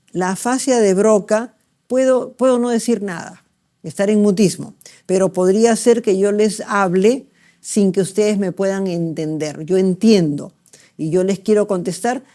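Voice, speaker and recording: Male medical lecturer, mellow tone, explanatory, asks students to confirm. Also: high-pitched, unhurried. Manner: explanatory, asks rhetorical checks, acts out patients. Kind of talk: exam review lecture.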